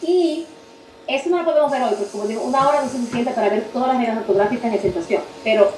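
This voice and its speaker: A woman teaching a spelling masterclass over a video call, talking quickly and correcting herself as she explains. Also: on the high side, echoey room, slight background noise, low-quality recording. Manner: fast-talking, self-correcting, animated teacher. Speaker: guest instructor.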